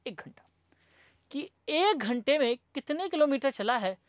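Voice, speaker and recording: A man's voice: very high voice, expressive, a little slow, dry recording. A male teacher giving a classroom lecture, asking questions and answering them himself, mixing English terms into his explanation. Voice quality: repeats each point as question and answer. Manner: addresses students as "bhai sahab".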